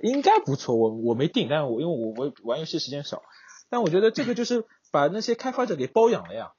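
A man hosting a casual tech talk podcast, chatty and quick to agree. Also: a little high, big pitch swings, a little mellow, slightly rough. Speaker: podcast host. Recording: dry, dull lo-fi sound.

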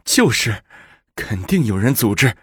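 A man's voice: mid-range voice, sing-song, a little slow, slightly rough, no echo, clean studio sound. A man voicing an eager, fawning female nun who speaks in an agitated rush of accusation.

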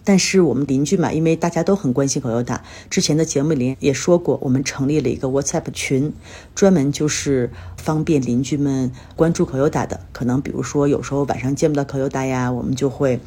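A woman's voice: extremely low pitch, a little fast, dark tone, slightly rough. A woman from China hosting a casual solo podcast, chatting and telling everyday stories while sounding a bit tired and under the weather. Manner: chatty storytelling. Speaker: podcast host. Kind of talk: casual solo life-update monologue.

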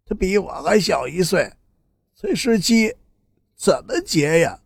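A man's voice: sits high, very animated, unhurried, gravelly, husky, no echo, heavily acted. A man doing a whiny, desperate teenage boy. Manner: pleading, self-pitying. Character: desperate, whiny seventeen-year-old boy.

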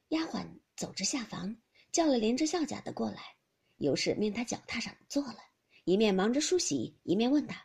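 A woman narrating a classic novel in a steady storytelling reading. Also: fairly high pitch, vocal fry, breathy edge.

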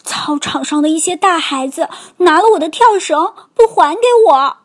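A woman's voice: expressive, normal speed. A woman voicing a panicked little girl bear cub in a storybook. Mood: upset. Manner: shrill, crying out.

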